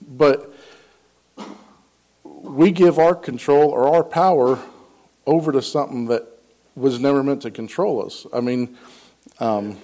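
A man's voice: mid-range voice, measured pace, long pauses, warm tone. A man giving a casual personal testimony on scripture, rambling and earnest, with many ums and restarts. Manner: acts out quoted dialogue in a raised voice. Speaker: lay speaker sharing a devotional.

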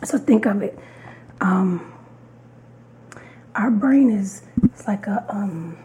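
A woman co-hosting a podcast in casual chat, her voice hoarse and husky from a sore throat, candid and playful with frequent laughs. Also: medium pitch, slow pace, warm tone. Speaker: podcast co-host.

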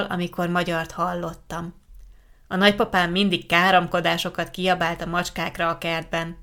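Woman podcast host, kinda low voice, calm clear reading, easy chat. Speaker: podcast host for Hungarian learners. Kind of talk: casual podcast chat and reading a letter aloud.

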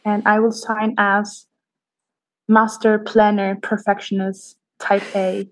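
A woman's voice: mid-range voice, little pitch movement, slow, poor audio. A woman speaking as a podcast guest, telling her own experience in a candid, reflective chat with easy laughs. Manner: warm, candid, laughs easily.

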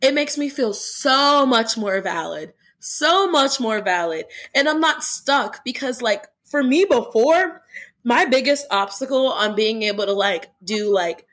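Young woman podcast host, somewhat high voice, earnest, rambling casual delivery. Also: lively intonation, measured pace, a bit bright. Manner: earnest, lots of "like" fillers. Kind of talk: casual chat.

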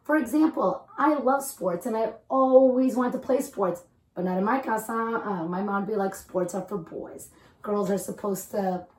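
A young woman from El Salvador hosts a casual chat show. She speaks candidly at a middle pitch, and her voice rings in a roomy, echoey space. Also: moderate pace, darkish tone. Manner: candid, conversational, drops Spanish phrases. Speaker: host. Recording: echoey room.

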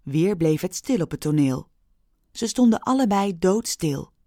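Unhurried female storybook narrator, calm and even, dry close mic. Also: fairly low pitch, no echo. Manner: slow, calm, clearly paced reading. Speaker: audiobook reader.

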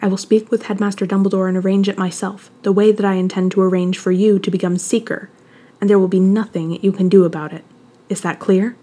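A cold, sly schoolmaster, voiced by a woman reading aloud, speaks in a soft, purring menace. The voice stays mellow and husky, and the delivery runs flat and even. It has the feel of a quiet fan fiction audiobook reading. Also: medium pitch, fairly quick, lightly acted. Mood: menacing.

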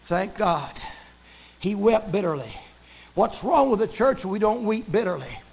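A male preacher, delivering a sermon in a shouting, chanting cadence. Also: high voice, lively intonation, a little slow, husky.

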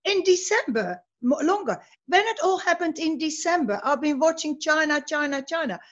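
Older woman, lively and high old voice, interviewee on a slightly muffled online call. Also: moderate pace. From Netherlands. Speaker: exercise group member being interviewed. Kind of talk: interview over a video call. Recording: dull muffled call audio.

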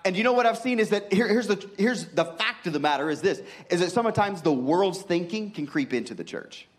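A pastor preaching to his congregation in a fairly high voice. He talks with emphasis and keeps asking rhetorical questions. His pitch climbs high and then drops low and quiet. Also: lively intonation, a little fast. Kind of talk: sermon.

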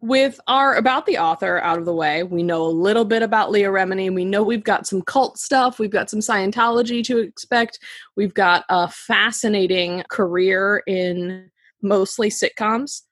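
A woman hosts a casual podcast, chattering about a book with a giggly, filler-heavy delivery. Her voice is a touch husky and mid-pitched. The sound is dry and close to the mic. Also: normal speed, a bit bright, no echo. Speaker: podcast host presenting a book.

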